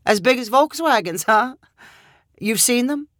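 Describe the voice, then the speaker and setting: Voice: mid-range voice, very animated, moderate pace, a bit bright, dry recording. A storyteller voicing a dry, unimpressed woman lawyer who talks in a wry, mildly teasing way. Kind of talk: storybook reading.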